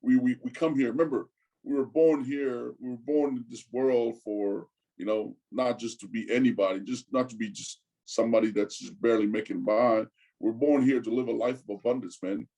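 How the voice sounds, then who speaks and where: A man's voice: mid-range voice, steady tone, mellow, rough recording. A man in his forties from Tonga, talking casually as an interview guest, often stopping to repeat words and tacking "man" onto his sentences. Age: 40s. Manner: halting, repeats words, says "man" a lot.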